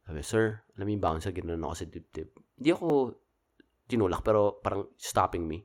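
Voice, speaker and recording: A man's voice: low-pitched, a little fast. A man with a Filipino accent, co-hosting a casual podcast, telling a story in a chatty, teasing way and mixing in English phrases. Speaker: podcast co-host. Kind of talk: casual chat.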